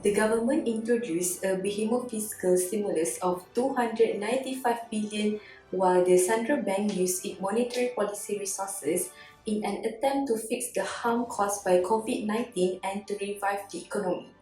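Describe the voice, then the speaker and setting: A woman's voice: medium pitch, normal speed, mellow. A woman delivering a scripted report as a news reporter. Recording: roomy echo, music behind.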